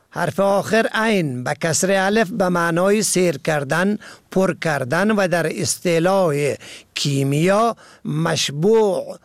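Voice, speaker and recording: A man with an Afghan Dari accent reading a scripted radio program, slow and careful, spelling words out letter by letter. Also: on the high side, dry recording, studio quality. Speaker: radio presenter.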